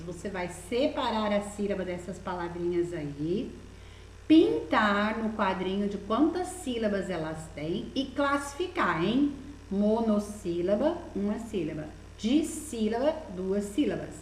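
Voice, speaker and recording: A woman's voice: fairly high pitch, reverberant, a little hiss or hum, rough recording. A Brazilian woman teaching primary school children in a recorded lesson, patiently coaxing them with many questions as she walks through a workbook. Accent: Brazilian Portuguese.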